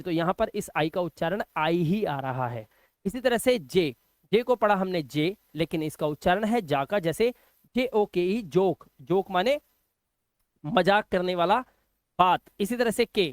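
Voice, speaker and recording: A man's voice: high-pitched, no room sound. A man teaching a phonics lesson, patiently spelling words out letter by letter and repeating them.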